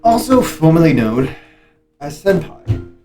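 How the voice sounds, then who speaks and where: A man playing a newly made male devil lord who addresses his town in a magically amplified voice, with a grand, booming delivery. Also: very animated, measured pace, mellow, far from the mic, faint music behind. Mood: proclaiming. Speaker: tabletop game player. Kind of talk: in-character speech in a tabletop game.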